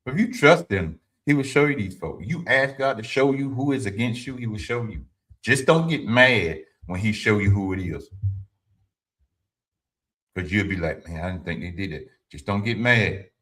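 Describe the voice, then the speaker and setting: A livestream host in his fifties gives a motivational talk, offering informal, preachy advice to viewers, repeating his points and answering the chat. His lowish voice has lively intonation and a fairly bright tone at normal speed.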